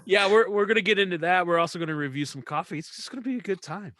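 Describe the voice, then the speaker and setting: A man's voice: high voice, fast talker, sharp tone, dry recording. A man from West Virginia hosting a podcast, upbeat and laughing often as he chats casually. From West Virginia, USA. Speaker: podcast host.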